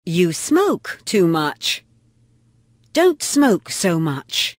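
A woman reading short English phrases slowly and deliberately for a language course, pausing between each. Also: on the low side, very animated, dry recording, clean studio sound. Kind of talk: slow scripted phrasebook reading.

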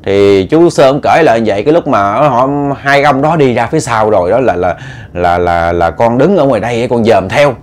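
A man's voice: mid-range voice, expressive, normal speed. A man with a Southern Vietnamese accent telling a ghost story in a loose, conversational way, often repeating words as he goes. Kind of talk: late-night ghost story narration.

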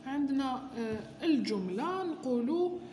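A woman's voice: high voice, animated, warm tone, slight background noise. A woman with an Algerian Arabic accent patiently explaining a primary school worksheet to parents, reading each item aloud. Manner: patient and explanatory, reads items aloud then explains them slowly. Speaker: teacher explaining a homework sheet to parents. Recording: echoey room with long reverb.

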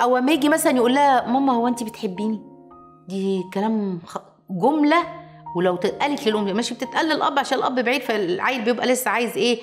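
A woman with an Egyptian accent giving an informal lecture on parenting. She speaks emphatically and uses rhetorical questions and repetition. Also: mid-range voice. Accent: Egyptian Arabic.

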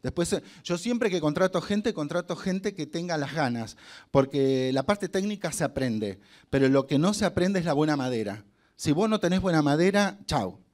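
A man's voice: a little high, animated, moderate pace, darkish tone. A middle-aged man with an Argentine accent giving a motivational storytelling talk. He is humorous and anecdotal, and he acts out the dialogue he quotes. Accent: Argentine Spanish. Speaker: guest speaker.

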